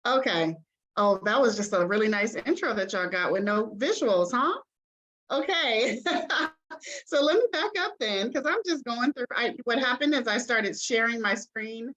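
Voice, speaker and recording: A woman's voice: a little high, animated, moderate pace, a bit bright, muffled recording. A woman admissions representative giving an online information session over a video call, chatty and encouraging, with many ums and okays.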